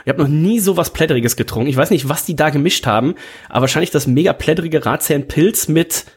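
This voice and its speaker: A man's voice: fairly high pitch, fast talker, breathy edge. A man hosting a casual wrestling chat, telling stories in a rambling way with many fillers and restarts. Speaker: podcast host.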